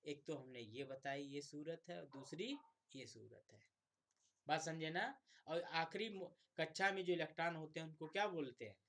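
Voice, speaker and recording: A man teaching an online electronics class, repeatedly asking questions and answering them himself, loud on key words and quiet on asides. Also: a little high, normal speed, a little hiss or hum. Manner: asks and answers his own questions, repetitive, coaxing; swings between loud emphasis and quiet asides.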